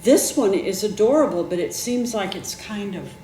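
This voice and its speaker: A woman hosting a chat show, musing and admiring in a relaxed, unhurried way. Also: mid-range voice. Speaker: talk show host. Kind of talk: casual chat. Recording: echoey room with faint noise.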